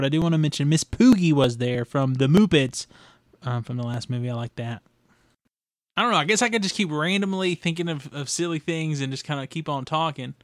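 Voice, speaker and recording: A man's voice: medium pitch, clear, resonant tone, no room sound, studio quality. A young adult man hosting a podcast, talking casually and rambling through his thoughts. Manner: rambling, with fillers and restarts. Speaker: podcast host. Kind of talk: casual solo podcast review.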